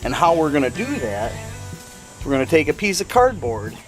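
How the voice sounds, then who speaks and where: A man with a fairly high voice, very animated and at normal speed, explains a hands-on car project in casual DIY vlog narration aimed at his viewers. Music plays underneath as he talks about the restoration.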